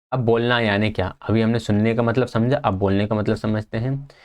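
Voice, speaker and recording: A man's voice: mid-range voice, darkish tone. A young man teaching an exam-prep lecture, reading notes aloud and then explaining them in a casual way.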